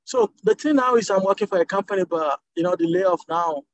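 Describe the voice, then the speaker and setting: A man's voice: high-pitched, a little fast, no room sound. A man from Nigeria, calling in to a conference call on a car speakerphone while driving. He searches for words and restarts his phrases. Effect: car speakerphone phone line. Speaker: caller. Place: inside a moving car. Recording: muffled lo-fi phone call.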